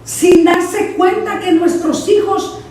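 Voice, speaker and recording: A woman pastor, preaching a sermon in an animated way and acting out the voices in her stories. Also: very high-pitched, slow, crowd noise. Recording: echoey church from far off.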